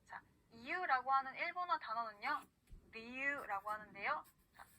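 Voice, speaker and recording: A woman teaching a recorded online pronunciation lesson, patiently saying words slowly for the learner to repeat. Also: high-pitched, bright, forceful tone, low-quality recording. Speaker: language teacher.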